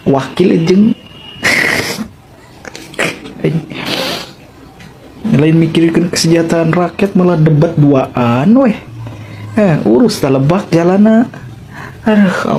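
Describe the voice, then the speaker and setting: A man's voice: fairly high pitch, unhurried, background noise. A man from Banten with a Sundanese accent, giving exasperated, slangy commentary in a casual vlog. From Banten, Indonesia. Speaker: video commentator.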